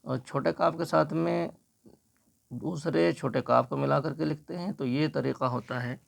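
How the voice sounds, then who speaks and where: A man teaching a slow, patient Urdu writing lesson, explaining each stroke as he writes. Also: a little high, gravelly.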